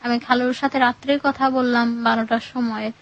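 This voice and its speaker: A woman's voice: a little high, little pitch movement, normal speed. A young woman, telling her life story to a radio host in a rambling way and acting out the voices of her relatives. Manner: rambling, acts out quoted relatives. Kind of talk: emotional personal storytelling.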